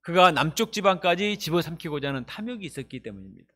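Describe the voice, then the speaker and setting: A man's voice: fairly high pitch, sing-song, quick pace, pushed and bright. A male pastor preaching a sermon in an emphatic style, with frequent rhetorical questions.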